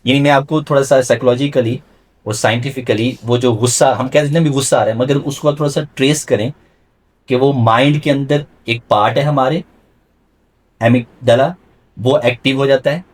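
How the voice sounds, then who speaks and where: Delivering a classroom lecture, a male religious scholar talks in a mid-range voice with fairly even intonation, testing his listeners with questions and working English terms into his explanations.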